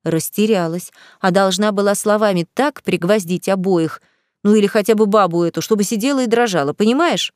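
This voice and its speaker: A woman reading a gruff middle-aged male police boss, blunt and grumbling, in a storybook reading. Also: mid-range voice, fairly quick, no echo, studio quality, natural voice. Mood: stern.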